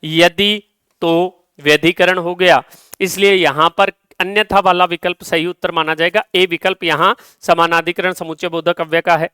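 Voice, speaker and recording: Male teacher, high and smooth, walks through answers patiently on a dry close mic. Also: fairly even intonation, bright, forceful tone, no echo. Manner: explains step by step, reads example sentences slowly. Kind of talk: live exam paper solution lesson.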